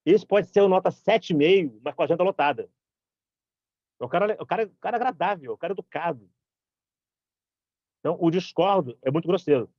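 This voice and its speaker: A Brazilian man giving a lively public talk at a conference, acting out example dialogues as he speaks. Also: high-pitched, no echo, dull audio. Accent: Brazilian Portuguese. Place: conference hall.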